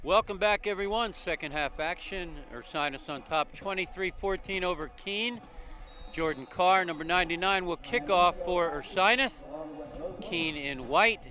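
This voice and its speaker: A male play-by-play commentator with a bright, forceful, slightly high voice, calling a college football game from an outdoor stadium. He reels off numbers and stats with steady energy. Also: normal speed.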